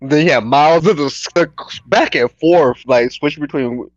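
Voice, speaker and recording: A man in a casual gaming chat, excitable and slangy, peppering his talk with "bro". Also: on the high side, normal speed, no echo, highs cut off.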